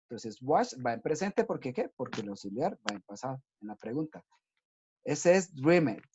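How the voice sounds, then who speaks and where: A man's voice: mid-range voice, very animated, normal speed, a little mellow, slight background noise. Patient man teaching English. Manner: patient, explains step by step, checks in with "¿listo?". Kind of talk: recorded online class for children. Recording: dull lo-fi recording.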